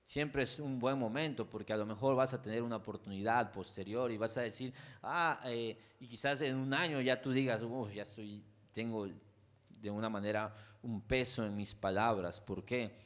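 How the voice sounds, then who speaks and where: A man with a Mexican accent preaching a conversational sermon. He speaks straight to his listeners with frequent asides, swinging between loud, emphatic peaks and quiet, low lines. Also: fairly even intonation, moderate pace. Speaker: pastor.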